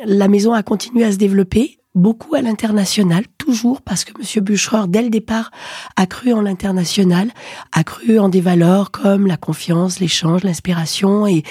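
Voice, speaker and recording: A woman in her forties, an executive in luxury watch retail, answering interview questions in a measured way, with hesitations, self-corrections and a voice that sometimes cracks. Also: mid-range voice, dark tone, husky, dry recording, studio quality. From Ukrainian roots. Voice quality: voice occasionally cracking.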